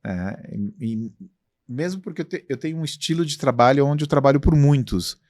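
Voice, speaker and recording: A man's voice: medium pitch, moderate pace, darkish tone, no room sound. A Brazilian man being interviewed about his company, talking in a self-assured, expansive way with many fillers. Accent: Brazilian Portuguese. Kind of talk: casual interview talk.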